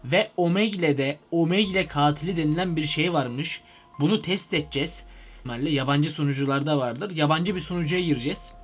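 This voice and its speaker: A young man with a high voice hosts a comedy video from his home computer, speaking excitably into a headset microphone. He keeps shouting in mock fright. Faint music plays behind him. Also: fairly quick.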